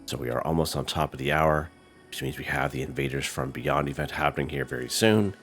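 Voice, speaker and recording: A man hosting casual gameplay commentary in a relaxed, chatty way, sounding stuffy from a head cold. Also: extremely low pitch, brisk, soft background music. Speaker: gaming channel host.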